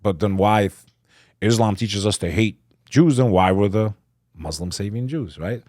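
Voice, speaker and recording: Earnest low-voiced man lecturing. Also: moderate pace, darkish tone, dry recording, clean studio sound. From Texas. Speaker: podcast guest. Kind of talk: casual podcast conversation.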